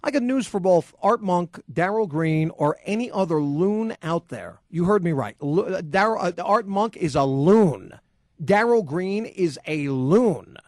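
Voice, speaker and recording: A man's voice: high-pitched, lively intonation, unhurried, a little mellow, dry recording, clean studio sound. A man hosting a sports talk radio show, ranting in a combative, sarcastic, emphatic way and then taking calls. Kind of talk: opinionated talk radio rant. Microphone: studio microphone.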